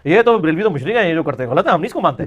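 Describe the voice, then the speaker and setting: A man's voice: a little high, big pitch swings. A man with a Punjabi-inflected Urdu accent giving a religious lecture, sarcastic and mocking his opponents in quoted asides.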